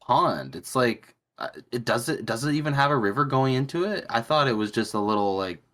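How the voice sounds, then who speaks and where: A man's voice: mid-range voice, sing-song, a little fast, a bit bright. A man chatting on a podcast, skeptical and teasing. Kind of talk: casual chat.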